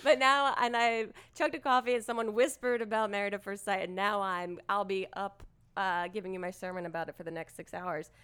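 A woman co-hosting a podcast, chatting casually about television in an animated, rambling way and laughing often. Her voice is smooth and clear at a middle pitch, and she is buzzing from a freshly chugged coffee. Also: brisk. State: caffeinated after chugging coffee. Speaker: podcast co-host. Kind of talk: casual chat.

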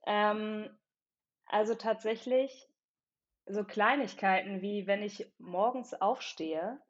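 Hesitant woman guest, dull lo-fi sound. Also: medium pitch. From Berlin, Germany. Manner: thoughtful, hesitant, many filler pauses. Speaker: podcast guest, company founder. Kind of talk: casual interview chat.

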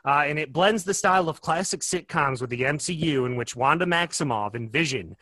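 A man's voice: on the high side, expressive, fairly quick, sharp tone, no room sound. A man hosting a casual film podcast, upbeat and chatty, with plenty of fillers. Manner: upbeat, sing-song greeting, loose with fillers. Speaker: podcast host.

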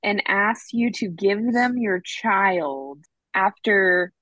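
A woman's voice: mid-range voice, expressive, slow pace, a bit bright, dry recording. A woman co-hosting a casual podcast, blunt and sarcastic, swearing freely. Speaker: podcast co-host. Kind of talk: casual chat.

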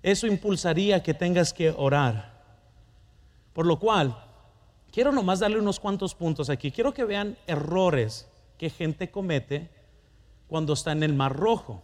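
A man's voice: on the high side, expressive, unhurried, a little mellow. A middle-aged man preaching a sermon, telling a personal story and asking the congregation questions.

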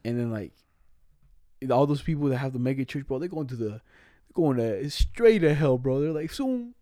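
Mellow young man telling slangy stories. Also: medium pitch, normal speed, no echo, clean studio sound. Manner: slangy, profane, animated storytelling. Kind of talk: casual banter.

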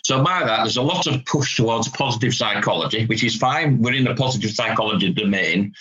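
A man's voice: fairly low pitch, animated, a little fast, sharp tone. A middle-aged man with a northern English accent from Hull, talking in a plain-spoken, down-to-earth way as an expert guest. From Hull, England. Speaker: interview guest, psychologist. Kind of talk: conversational expert discussion. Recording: dull lo-fi audio.

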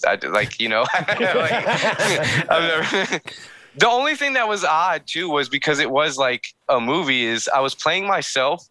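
A man from North Carolina talks as a guest in a loose interview. His voice is bright and forceful at a middle pitch, and he rambles with plenty of fillers and frequent laughs. The sound is close and dry. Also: dry recording, poor audio. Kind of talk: casual interview chat.

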